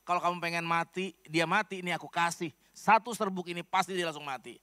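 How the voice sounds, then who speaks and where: A male pastor voicing a calm, sly healer who reassures a distressed woman. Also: high-pitched, quick pace, no room sound, studio quality. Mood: calm reassuring.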